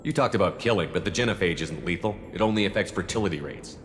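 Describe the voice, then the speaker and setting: A man's voice: low-pitched, animated, quick pace, fairly bright tone, slight background noise. A man voicing a tough, blunt military commander in a video game, direct and commanding. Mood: challenging. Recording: reverberant hall, faint music behind. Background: faint music.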